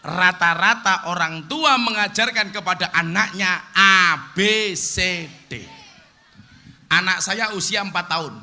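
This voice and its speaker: A man's voice: sits high, slow pace, pushed and bright. A man with a Javanese accent preaching a humorous sermon, joking and chanting spelling drills in a sing-song.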